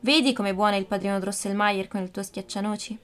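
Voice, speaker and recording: A woman voicing a serious, caring mother who speaks in a measured, stern way in a storybook reading. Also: mid-range voice, fairly even intonation, soft background music, lightly acted.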